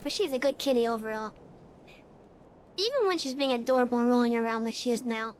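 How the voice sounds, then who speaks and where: A woman's voice: a little high, quick pace, slight background noise. A streamer in casual, rambling chat with many fillers, her voice run through an AI voice changer. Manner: rambling, chatty, frequent fillers.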